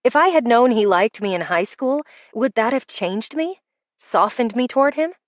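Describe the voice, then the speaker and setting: A woman's voice: on the high side, animated, moderate pace, no room sound, muffled recording. A woman narrating a first-person romance audiobook in a wry, conversational storytelling manner.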